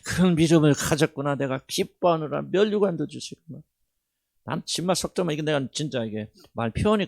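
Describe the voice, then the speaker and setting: Middle-aged male pastor, Jeolla accent, gravelly voice in a dry, close sound, animated sermon delivery that swings from loud to hushed. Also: a little high, no echo. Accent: Jeolla dialect. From Jeolla, South Korea.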